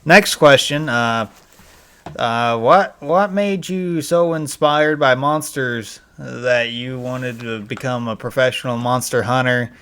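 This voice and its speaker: A man with a cold hosting a casual comedic interview in a halting, folksy way. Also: mid-range voice, a bit bright, clear, resonant tone. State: has a cold. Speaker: podcast host.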